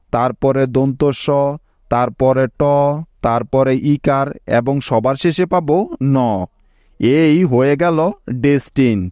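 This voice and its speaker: A man with a Bangladeshi Bengali accent, somewhat high-voiced, teaching spelling at a very slow, deliberate pace. He breaks each word into parts and patiently checks that his pupils follow. The recording is dry and a little dull. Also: a little mellow, no room sound. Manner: patient, explains step by step and asks pupils questions. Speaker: English teacher.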